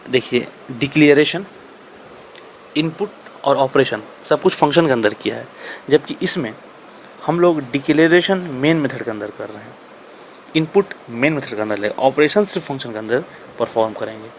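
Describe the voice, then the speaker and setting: A man's voice: mid-range voice, expressive, moderate pace, pauses often, slight background noise. A man teaching programming in a casual, conversational way, often asking and answering his own questions. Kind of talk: casual explanatory lecture.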